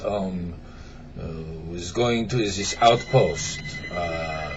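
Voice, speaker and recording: Halting man in a mock French accent. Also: sits low, dull audio. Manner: halting, full of fillers, sprinkled with French words. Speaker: joke teller. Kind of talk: comic joke telling in a mock French accent.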